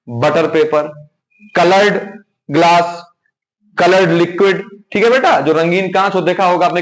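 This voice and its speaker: High-voiced man teaching a class. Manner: call-and-response questioning, repeats key words. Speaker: science teacher. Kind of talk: classroom lesson. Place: classroom with whiteboard. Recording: dull lo-fi sound.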